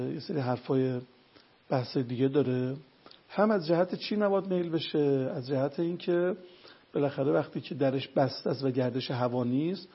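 A man with a very raspy, gravelly voice gives household advice and keeps asking the listener questions. His pitch sits a little high. The recording sounds dull and lo-fi. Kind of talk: religious and practical advice talk.

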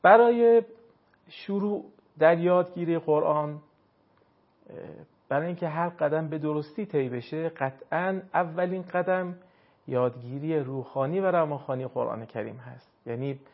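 Man teaching Quran reading, muffled audio. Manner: measured, stretches key words when stressing points. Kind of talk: explanatory lesson. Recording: muffled low-fidelity audio.

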